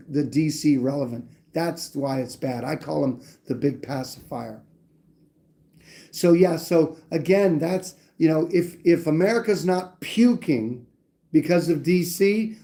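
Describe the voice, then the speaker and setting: This New Hampshire man runs a live stream where he chats about politics, swearing now and then and rambling in a blunt way. His voice is on the higher side yet dark in tone.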